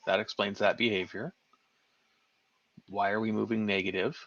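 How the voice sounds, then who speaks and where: A man with a low voice and a bright, forward tone makes dry jokes on a live stream. He reads out chat comments in a casual way. The sound is dry and slightly dull, like lo-fi stream audio. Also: little pitch movement, normal speed, dry recording. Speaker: livestream co-host.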